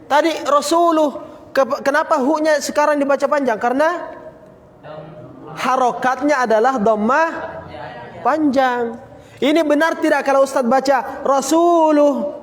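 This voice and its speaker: A man teaching a Quran recitation lesson, drilling students with repeated questions and slowly chanting example words. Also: extremely high pitch, in a large hall. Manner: occasional coughs, casual. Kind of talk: classroom tajwid lesson.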